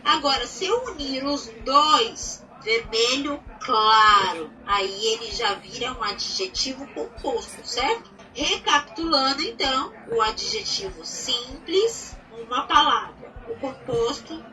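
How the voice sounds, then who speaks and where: A woman's voice: sits high, animated, slow, hardly any pauses, pushed and bright, distant mic, poor audio. A woman teacher from Brazil, patiently explaining grammar step by step and checking in with her students. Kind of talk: recorded grammar lesson.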